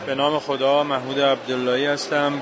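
A man reading aloud from a memoir for a radio audience in a plain, even way. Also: mid-range voice, loud music behind the voice. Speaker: listener reading a book aloud.

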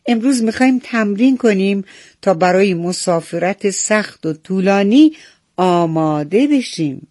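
A man voicing the commanding ruler of a flock of birds in a children's story, calling out orders loudly. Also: high-pitched, expressive, no room sound, clean studio sound, voice pushed up. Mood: rousing. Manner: loud, commanding announcements.

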